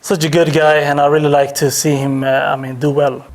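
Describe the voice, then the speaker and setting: A man's voice: on the high side, little pitch movement. A man speaking as a team captain in a post-match interview, talking hesitantly with many fillers and restarts. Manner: hesitant, halting, heavy on fillers.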